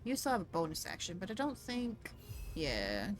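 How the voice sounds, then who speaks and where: A woman with a lowish voice and huge pitch swings talks at normal speed in casual let's-play commentary. As a gaming streamer, she explains the game's mechanics and bursts into playful outbursts.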